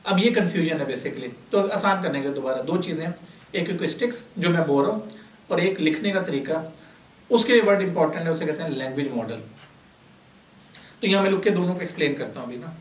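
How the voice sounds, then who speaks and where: A high-pitched man teaches a workshop class. He explains terms patiently and asks the class questions that he then answers himself. His voice comes from some distance in an echoey room. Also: a little fast. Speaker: lecturer. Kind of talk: classroom lecture.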